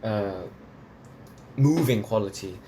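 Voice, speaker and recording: The recording is rough, with slight background noise, capturing a man from Hong Kong with a warm, lowish voice who speaks slowly but animatedly. He reviews opera recordings in a casual, rambling manner, with lots of restarts and fillers, laughing between points.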